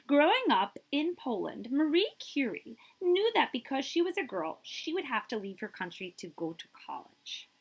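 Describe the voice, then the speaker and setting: An expressive woman, a librarian, reads a picture book to children with swooping, lively pitch at a normal speed and few pauses. She stresses and stretches key words for the young audience and drops in brief asides.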